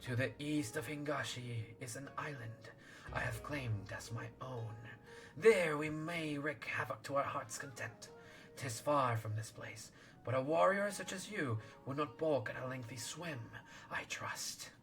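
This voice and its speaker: Serpent spirit for a fantasy game, played by a man: snake voice, breathy, haughty, archaic diction, music behind. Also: mid-range voice, measured pace, fairly bright tone. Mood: haughty, disdainful. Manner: snake voice, archaic formal speech. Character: haughty male serpent spirit lord, disdainful.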